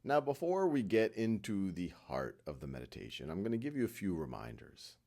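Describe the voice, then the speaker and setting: A man guides a meditation in a gentle, reassuring way, giving short instructions separated by frequent pauses. His voice sits fairly low and is very animated.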